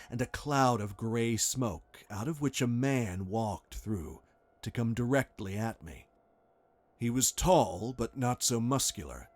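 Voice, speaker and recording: A man reading a first-person horror story aloud in a tense, dramatic way. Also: medium pitch. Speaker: narrator. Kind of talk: scripted horror narration.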